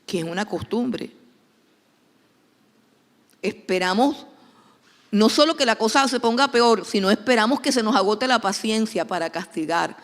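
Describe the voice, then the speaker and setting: A woman's voice: medium pitch, expressive, unhurried, long pauses, long reverb tail. A woman pastor, preaching a sermon emphatically and repeating key phrases for stress.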